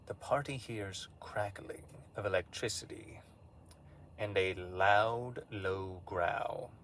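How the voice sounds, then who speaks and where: A man with a low, gravelly voice talks through a recap of a tabletop game session. He keeps it loose and conversational, with plenty of fillers as he goes. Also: slight background noise. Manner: relaxed and conversational, with frequent fillers. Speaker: campaign recap narrator.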